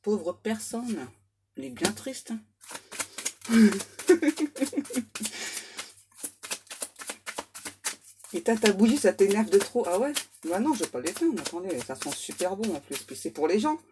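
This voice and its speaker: A woman's voice: medium pitch, sing-song, normal speed, noisy background. A woman medium giving a casual oracle card reading, chatty and self-mocking as she banters aloud with her spirit guides.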